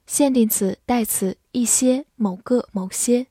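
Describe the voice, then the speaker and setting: A woman teaching a vocabulary lesson in an unhurried, deliberate way, spelling out each word with care. Her voice is mellow and dark, recorded close and dry with no room sound. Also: a little high, husky, no room sound. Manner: slow, careful word-by-word reading. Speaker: English teacher.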